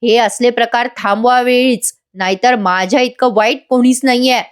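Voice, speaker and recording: A woman's voice: on the high side, steady tone, normal speed, clean tone, lightly acted. A woman reading as a stern, scolding young man. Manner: stern, reproachful. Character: angry young man scolding his family.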